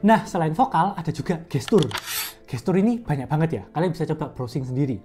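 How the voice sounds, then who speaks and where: A woman's voice: deep voice, expressive, fast talker. Chatty young woman giving speaking tips. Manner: chatty and conversational, explains step by step. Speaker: public speaking coach. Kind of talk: casual educational vlog.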